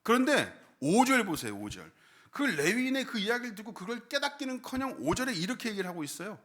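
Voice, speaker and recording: A man's voice: sits high, big pitch swings, brisk, fairly bright tone. A man preaching a Sunday sermon as pastor, asking the congregation questions and letting his voice climb and fall hard. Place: church sanctuary.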